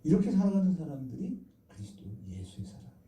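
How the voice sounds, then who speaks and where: A male pastor with a dark, mellow voice and a lively, rising-and-falling delivery preaches to his congregation. He keeps pulling them in with questions and reads scripture aloud with them. He sounds distant from the mic, in a church hall full of echo. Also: a little high, quick pace. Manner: interactive, prompts the congregation to respond and read aloud together. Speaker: senior pastor. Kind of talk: sermon. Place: church sanctuary.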